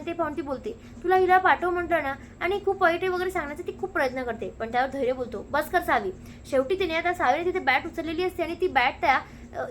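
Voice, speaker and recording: A woman narrates a television serial's episode at a rapid clip, in a high, quick voice. She jumps straight into the characters' quoted lines without slowing down. A faint hiss of noise sits behind her. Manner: rapid, lively retelling, slipping into characters' lines. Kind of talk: fast storytelling recap with acted quotes.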